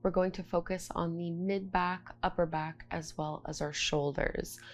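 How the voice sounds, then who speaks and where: A woman in her thirties teaching yin yoga in a soothing, gentle, instructive way. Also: on the low side, creaky. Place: indoor home studio room, seated and lying on a mat.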